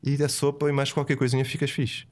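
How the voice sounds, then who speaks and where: A man's voice: mid-range voice, monotone, fast, slight background noise. A young man with a European Portuguese accent in a casual, slangy chat as a podcast guest. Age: young adult.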